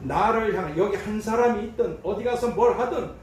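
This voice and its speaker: A man's voice: high-pitched, brisk, slight background noise. A male pastor preaching a sermon, dramatically acting out voices and questions in a church sanctuary. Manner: dramatic, acts out voices of God and a troubled pastor. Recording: echoey church hall, voice from a distance.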